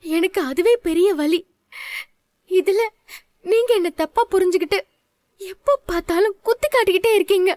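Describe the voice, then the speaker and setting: A woman's voice: very high voice, moderate pace, pauses often, darkish tone, no echo. An actress dubbing a hurt young wife who pleads with her husband in a tearful way, in a dry studio voice-over. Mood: pleading. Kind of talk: Tamil serial dub acting.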